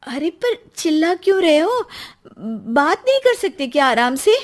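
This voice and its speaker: A woman's voice: sits high, sing-song, a little slow, pitched above the performer's own voice. A woman voicing a cheerful, trusting young wife in a cartoon story. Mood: anxious.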